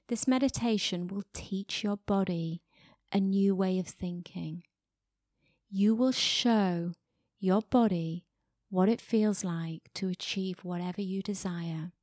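Slow, soothing woman meditation host. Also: mid-range voice, a little mellow, dry recording, clean studio sound. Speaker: podcast host. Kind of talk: guided meditation talk.

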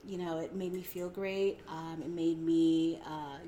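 A woman's voice: sits low, steady tone, unhurried, warm tone, slight background noise. A woman in her forties, a podcast guest telling her story in a rambling, casual way with frequent laughter and fillers. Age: 40s. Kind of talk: casual interview chat.

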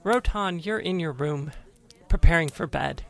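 High, creaky-voiced man narrating a fantasy game. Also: a little slow, fairly bright tone. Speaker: game master.

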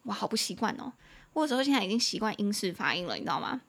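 A woman hosting a casual English lesson podcast, who repeats and spells out words slowly between chatty asides. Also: medium pitch, very animated, gravelly, a bit bright, a little hiss or hum. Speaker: English teacher podcast host.

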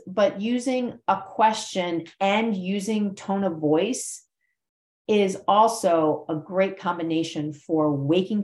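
A woman's voice: lowish voice, reverberant. A woman who hosts a podcast and trains yoga teachers, explaining cues in a conversational way and acting out her sample cues with shifting inflection. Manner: conversational, uses vocal inflection to demonstrate cues. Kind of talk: teaching talk.

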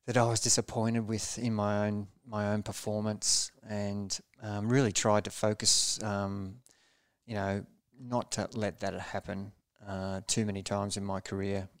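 A man recalls his racing days as a podcast guest, speaking in a measured, low-key way. His voice sits low and stays flat and even. It comes through smooth and resonant in a dry, close recording. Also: no echo. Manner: measured and low-key, often restarting phrases. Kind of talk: reflective storytelling in a podcast interview.

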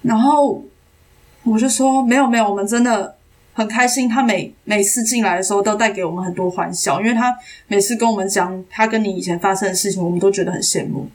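Fast-talking Taiwanese woman telling a story. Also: medium pitch. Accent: Taiwanese Mandarin. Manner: animated, acts out quoted dialogue. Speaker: actress guest. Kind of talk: casual podcast storytelling.

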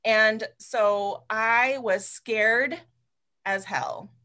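Woman, podcast guest, bright forceful voice, animated storytelling, casual swearing. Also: on the high side, extremely slow. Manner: animated storyteller, swears freely, laughs often. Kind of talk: casual interview chat.

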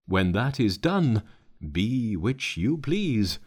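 A man's voice: medium pitch, very animated, slightly rough, exaggerated voice. A man doing a solemn old patriarch. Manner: slow, solemn, drawn-out recitation. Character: old male patriarch teacher, solemn and wise.

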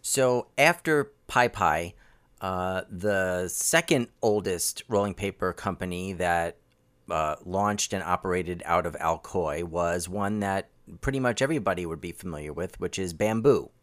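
A man hosting an interview, laying out background and asking measured follow-up questions. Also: low-pitched, fairly bright tone, no echo. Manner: measured, reads notes and asks follow-up questions. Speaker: podcast host.

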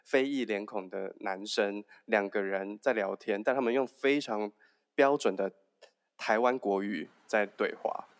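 A man's voice: fairly low pitch, a little slow. A man with a Taiwanese Mandarin accent, explaining his views informally in a casual group discussion.

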